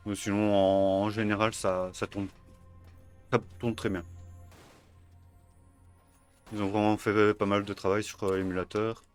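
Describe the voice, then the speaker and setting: Male tutorial host; low, hesitant, casual, faint music. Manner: hesitant, many fillers and self-corrections. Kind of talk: casual screen-recorded tutorial.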